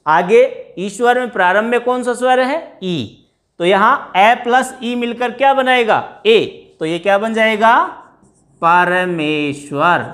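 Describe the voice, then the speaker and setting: A man with an extremely high, slightly bright voice teaches a grammar lesson, walking through it step by step. He poses questions to his students and then answers them himself, stretching out his words when he stresses examples.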